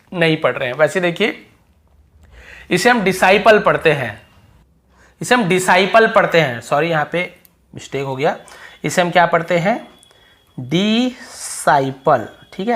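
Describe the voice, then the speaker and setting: A man's voice: high-pitched, sharp tone. A man with an Indian accent teaching English spelling rules, explaining patiently and repeating each example word again and again. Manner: repetitive, emphatic, drills each example word. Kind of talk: classroom lesson explanation.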